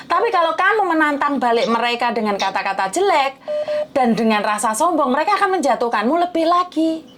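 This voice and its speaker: Woman, very high voice, coaxing and rough-spoken, advice chat, faint noise. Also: big pitch swings, fairly quick. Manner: coaxing, calls listener "sayang", rough-spoken. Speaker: advice-giving host.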